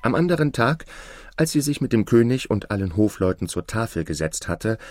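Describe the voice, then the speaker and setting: A man reads a fairy tale aloud in a very deep voice with a lively, rising and falling melody. His telling is measured and storybook-like, and the recording is dry and close. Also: no echo, faint music behind. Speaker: narrator.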